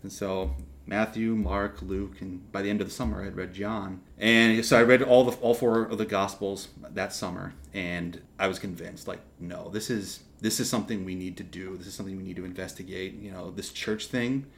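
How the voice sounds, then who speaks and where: A young man from Texas, a seminarian guest on a podcast, telling his story casually with lively restarts and asides. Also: low voice. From Texas, USA. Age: young adult. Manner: animated, quick asides and restarts.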